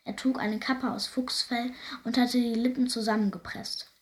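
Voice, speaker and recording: A woman reading a fairy tale aloud, gentle and often hushed. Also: fairly high pitch, little pitch movement, normal speed. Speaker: storyteller.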